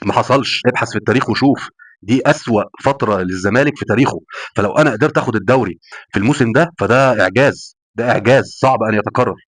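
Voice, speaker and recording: A man's voice: medium pitch, rapid-fire. A man with an Egyptian accent, talking at a breakneck pace in a heated football rant. He hammers points home by repeating himself and swearing oaths. The sound is close and dry, with no room echo. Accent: Egyptian Arabic. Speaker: football fan commentator. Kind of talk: passionate post-match rant.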